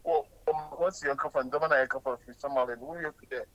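A man's voice: mid-range voice, fast, a bit bright, dry recording, dull audio. A man in a casual phone conversation, talking in hesitant, broken phrases.

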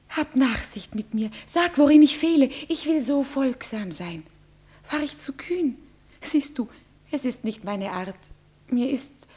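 An actress playing a frightened young bride who pleads in a breathy, often whispered voice, in a classic radio play. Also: female voice, a little high, a little mellow. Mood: pleading. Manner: pleading, trembling.

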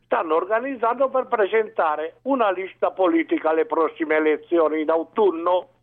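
A man phoning in to a radio show over a landline phone, his voice pitched a little high and thin. The line is tinny and narrow, like an old handset. He talks insistently and keeps checking that he can be heard. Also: normal speed. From northern Italy. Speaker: radio call-in listener. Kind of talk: casual phone-in chat.

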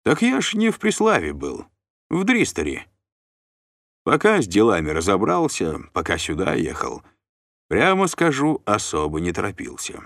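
A man's voice: fairly low pitch, wildly swooping pitch, normal speed, gravelly, fairly bright tone, no echo, studio quality, pitched above the performer's own voice, heavily acted. A man voicing a plump, sly and jovial noble uncle who banters and bargains. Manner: chatty, bantering, scheming.

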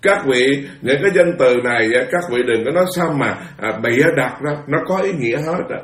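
A man delivering a Buddhist sermon, moving between quiet asides and forceful outbursts. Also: medium pitch, lively intonation, fairly quick, echoey room. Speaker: Buddhist monk teacher.

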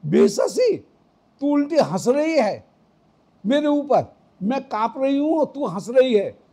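A man's voice: very high voice, big pitch swings, takes it slowly, warm tone, husky, voice pushed up, exaggerated voice. A man voicing a young woman who trembles and reproaches her laughing friend, in a devotional storytelling talk. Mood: reproachful.

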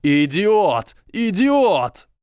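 A man voicing a proud young boy wizard who shouts and chokes with rage. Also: mid-range voice, normal speed, dry recording, studio quality, pitched above the performer's own voice, natural voice. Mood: shouting.

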